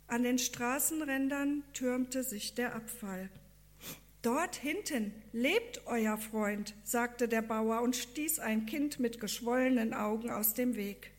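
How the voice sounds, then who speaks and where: A woman reads a devotional story aloud, calm and earnest. Her pace is slow and measured, her voice sits fairly high, and every sentence is carefully laid out.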